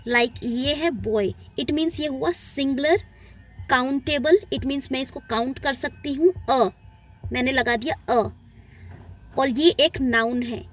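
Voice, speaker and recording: A woman teaching an English grammar lesson, explaining slowly and giving spoken examples. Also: high-pitched.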